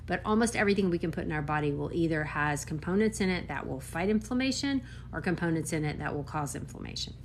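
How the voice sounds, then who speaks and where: A woman in her fifties talks straight to her viewers in a lower-pitched voice, emphatic and lively, jumping into quick asides. There's a faint hiss under her voice. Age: 50s. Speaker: doctor. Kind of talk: casual talk to camera.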